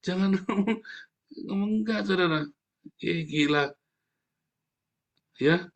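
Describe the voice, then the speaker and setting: Preaching slowly in a voice that sits high, a man gives an informal sermon full of jokes. He's animated, breaks into frequent laughing asides, and addresses the congregation as saudara.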